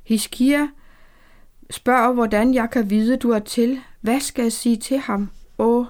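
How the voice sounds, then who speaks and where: A woman voicing an anxious old grandfather who speaks softly and prays in a hushed, pleading way. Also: a little high, fairly even intonation, close to an everyday voice. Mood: pleading prayer. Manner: soft, hushed pleading prayer.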